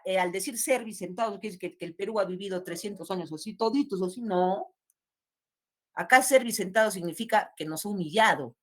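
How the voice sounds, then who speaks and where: A woman teaching literature, explaining a poem line by line and answering her own questions. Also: mid-range voice. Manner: asks questions and answers them herself, explains word meanings. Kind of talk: classroom lesson explaining a poem.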